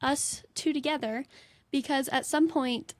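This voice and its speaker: A woman in her twenties from North Carolina, telling stories in a chatty, animated way in a small meditation room. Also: high voice, a little slow, no echo. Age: 20s. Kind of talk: casual chat.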